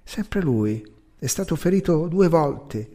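A man reading aloud voices an embarrassed army captain, speaking awkwardly and a little haltingly. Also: on the high side, lively intonation, dark tone. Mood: uneasy. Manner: stammering, awkward.

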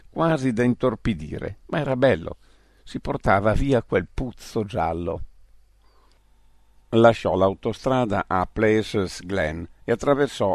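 A man reads a novel aloud at a steady, measured pace. His low voice has a gravelly edge, and the recording is dry and close. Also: no room sound. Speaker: audiobook narrator. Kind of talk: scripted narration.

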